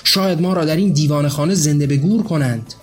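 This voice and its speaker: A man voicing a cautious, skeptical male revolutionary who speaks in a measured way, in a read-aloud story. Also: on the high side, breathy edge, faint music behind. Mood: objecting. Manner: measured, objecting.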